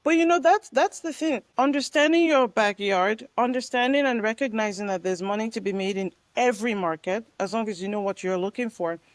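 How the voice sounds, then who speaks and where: A middle-aged woman from Nigeria, a guest telling her story emphatically in a relaxed interview chat. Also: brisk, hardly any pauses, dry recording. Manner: emphatic and lively, with sudden pitch jumps. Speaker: guest, real estate investor.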